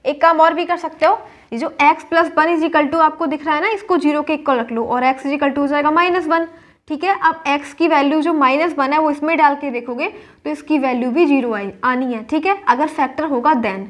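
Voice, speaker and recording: A high-pitched young woman walking through a math lesson one step at a time. She keeps checking in with her students and slips English math terms into her sentences. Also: normal speed. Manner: explains step by step, repeats checks with "ठीक है", mixes English terms into Hindi. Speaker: maths teacher.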